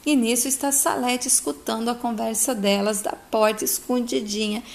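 A woman retells a soap opera episode in a high, chatty voice. She narrates casually and adds her own remarks about the characters. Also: steady tone, moderate pace, creaky, a little mellow.

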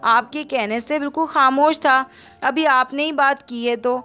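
A woman's voice: high voice, fairly even intonation, a little slow, pushed and bright, muffled recording. A woman voicing a teasing, stubborn young man in a read-aloud novel, with a playful, mischievous manner.

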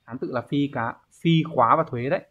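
A man's voice: medium pitch, a little fast, fairly bright tone. A man teaching an online exam review lesson, explaining step by step and often checking in with his students. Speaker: Japanese teacher. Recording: dull lo-fi recording.

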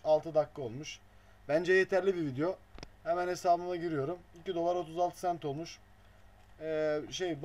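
A fairly high-pitched, slightly mellow man narrates a casual screen-recording tutorial, muttering as he works and cracking blunt offhand jokes. The noisy home recording carries keyboard and mouse clicks in the background.

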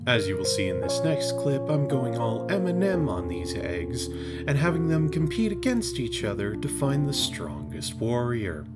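A young man narrating a home cooking video as a voice-over, with deadpan asides and sudden bursts of exasperation. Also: medium pitch, measured pace, over loud music. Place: home kitchen.

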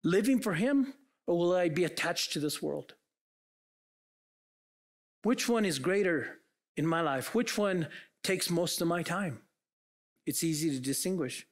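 A man's voice: high voice, expressive, unhurried, long pauses. A man preaching a sermon as pastor, earnest and full of rhetorical questions put to the congregation. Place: church.

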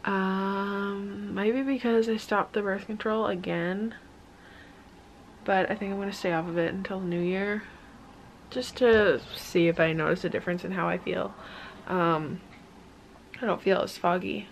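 Rambling young woman with a gravelly voice. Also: mid-range voice, fairly even intonation, unhurried, a little hiss or hum. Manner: rambling, filler-heavy, candid. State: out of breath. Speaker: vlogger. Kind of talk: casual vlog chat. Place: hunting blind outdoors; home indoors.

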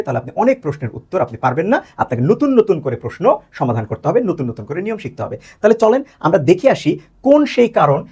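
An English teacher with a Bangladeshi accent gives a grammar lesson in a slightly mellow, somewhat high voice with a breathy edge. He puts questions to viewers and answers them himself, drawing out the stressed example words.

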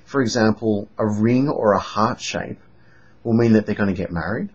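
A man's voice: on the low side, normal speed, breathy edge. A young man with an Australian accent, talking through a sarcastic, mocking vlog monologue. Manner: lively, mocking, emphatic. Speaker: vlogger. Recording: dull lo-fi home recording.

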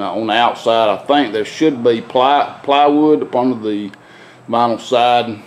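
A man's voice: mid-range voice, darkish tone. Plainspoken middle-aged man touring a gutted house. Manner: plainspoken, rambling with restarts and drawled Southern phrasing. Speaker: homeowner renovating his farmhouse. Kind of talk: casual walkthrough narration. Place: gutted old wooden farmhouse rooms, indoors. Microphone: handheld camera, filming while walking.

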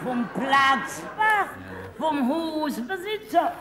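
A woman's voice: high-pitched, animated, drawn-out words, sharp tone, heavily acted. Woman playing a grumbling, querulous tenant. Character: grumbling older tenant complaining about the landlord. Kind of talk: live stage comedy sketch. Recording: echoey hall with noise.

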